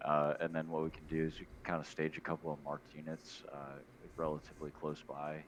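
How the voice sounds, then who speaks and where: A man playing a police officer in a roleplay game, talking through glitchy, wobbly, warbling voice-chat audio and making halting suggestions full of fillers. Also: extremely low pitch, monotone, a little hiss or hum, low-quality recording. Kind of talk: casual voice-chat planning.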